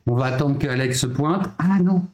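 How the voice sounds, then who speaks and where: A man hosting a live stream in a relaxed, casual chat. He rambles as he sets things up, tossing in small filler sounds and talking his steps through out loud. His voice sits at an ordinary, mid-range pitch. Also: normal speed, noisy background. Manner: chatty, thinks aloud with filler sounds.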